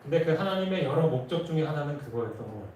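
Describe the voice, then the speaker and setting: A man's voice: a little high, animated, very fast, a little mellow, distant mic, slight background noise. Man preaching in an echoey church. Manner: earnest storytelling, rising with emotion at key moments. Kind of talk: sermon storytelling. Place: church sanctuary.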